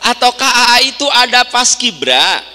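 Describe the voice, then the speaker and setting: Lively Sundanese-accented preacher in a reverberant hall. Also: male voice, very high-pitched, normal speed. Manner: lively, chatty, quizzes the audience, acts out little scenes. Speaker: Islamic preacher. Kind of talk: sermon. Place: mosque hall.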